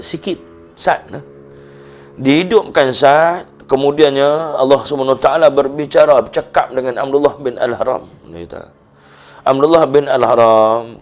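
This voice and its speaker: Male religious teacher, northern Malaysian accent, animated storyteller voice for a youth talk. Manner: animated storytelling, voicing quoted figures with rising pitch.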